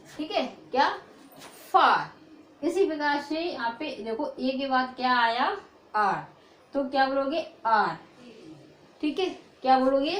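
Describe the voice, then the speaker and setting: Female English teacher, raised pitch, echoey room with faint background noise, drills words by repeated questions. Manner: repetitive call-and-response questioning; drawn-out modeled words. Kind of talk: pronunciation lesson.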